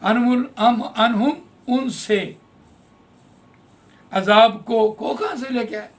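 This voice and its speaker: A man teaching Quran translation in a classroom lesson, patiently explaining grammar and repeating words slowly. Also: extremely high pitch.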